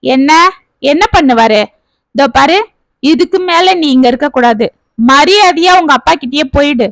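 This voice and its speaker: A woman voicing an exasperated young husband who fires off quick, irritated questions in a storybook tale. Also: high voice, a bit bright, no echo. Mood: angry.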